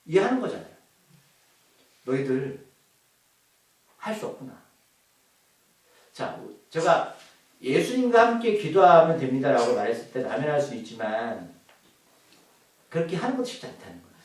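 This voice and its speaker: Man, pastor, sermon, high voice, very lively pitch, heavy church hall echo. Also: moderate pace, long pauses. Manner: animated, questions to congregation. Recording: echoey hall, voice from far off.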